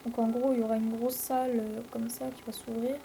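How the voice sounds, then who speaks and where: Une jeune femme à l'français commente sa partie de jeu vidéo sur un ton décontracté et bavard, avec beaucoup d'hésitations. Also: female voice, a little high, level tone, fairly quick, gravelly, noisy background. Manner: rambling, chatty, many fillers. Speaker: let's play host. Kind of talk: casual gameplay commentary.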